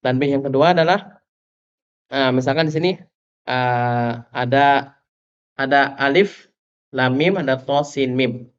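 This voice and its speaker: A man giving a teacher-training lesson on Quran recitation rules, quizzing his listeners and spelling out letter names slowly. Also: mid-range voice. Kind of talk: teacher training lecture on tajwid. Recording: dull lo-fi lecture recording.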